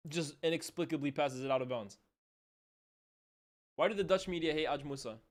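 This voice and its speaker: A man's voice: on the high side, moderate pace. A young man hosting a football watchalong stream, chatting loosely with his chat, saying "bro" a lot and laughing often between calls of the play. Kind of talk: casual live-stream chat and match commentary.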